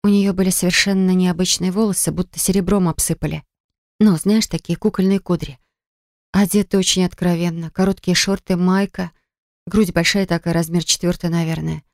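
A woman voicing a sharp-tongued, sarcastic young woman who answers back with defiance in an audiobook. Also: on the low side, steady tone, a little fast, no room sound, studio quality, natural voice. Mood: recalling. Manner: mocking, defiant.

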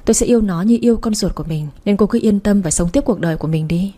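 A coolly composed wife speaks in even, controlled sentences, voiced by a woman narrating the story. Her tone is warm and dark-leaning, with no bright edge. It is told as an audiobook romance story. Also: mid-range voice, fast, natural voice. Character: cold calm wife who got her revenge.

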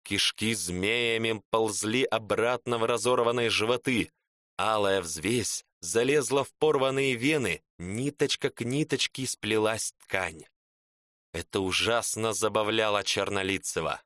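A man's voice: on the low side, a little slow, a bit bright, no echo. A man giving dramatic storybook narration on a close studio mic.

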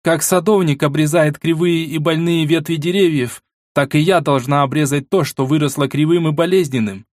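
A man's voice: a little high, steady tone, moderate pace, a little mellow, no echo, studio quality, pitched above the performer's own voice, lightly acted. A man voicing a cold, iron-willed middle-aged queen who speaks sternly and with command. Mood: icy resolve.

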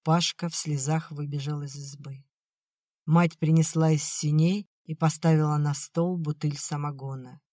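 An audiobook narrator reading a novel in a measured, plain manner. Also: medium pitch, fairly even intonation, warm tone, dry recording, studio quality. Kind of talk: scripted narration.

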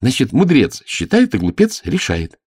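A man voicing a mischievous little girl dressed as a page, in a high, pleading, lively voice for a storybook reading. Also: moderate pace, breathy edge, dry recording, studio quality. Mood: sly, polite.

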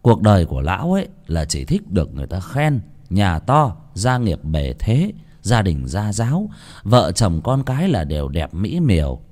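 A man narrating a ghost story in a dramatic, expressive way. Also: low voice, moderate pace.

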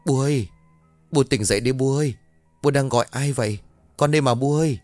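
A man's voice: medium pitch, brisk, darkish tone, dry recording, soft background music, voice pushed up, lightly acted. A man voicing a tearful young village daughter. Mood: anxious pleading. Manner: pleading, tearful.

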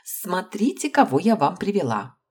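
A woman voicing a snobbish, gossipy young female student who talks in a sharp, scornful way, in an audiobook. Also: lowish voice, big pitch swings, normal speed, breathy edge, voice pushed up. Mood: cheerful.

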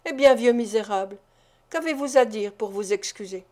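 A woman's voice: a little high, normal speed, a little mellow, lightly acted. Grumbling, menacing invalid thief, bitter and demanding, as a woman reads him in a storybook. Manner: growling, bitter.

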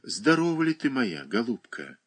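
A man voicing a calm, reserved young woman who speaks coolly and evenly. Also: deep voice, slightly rough, exaggerated voice. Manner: calm, cool and measured.

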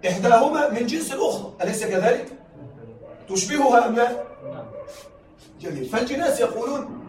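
A man lectures a classroom in a high voice. He draws out key words and keeps checking that his students follow. The recording is roomy and picked up from a distance, with faint background noise. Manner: drawn-out emphatic stresses on key words. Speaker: teacher.

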